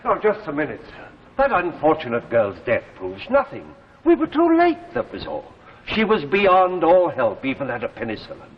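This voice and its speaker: An actor playing an earnest, persuasive drug inventor in a 1950s TV drama, urgent and formal. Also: male voice, on the high side, wildly swooping pitch, moderate pace. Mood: indignant. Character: earnest, persuasive male stranger pushing his miracle drug. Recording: muffled, noisy old TV soundtrack, reverberant.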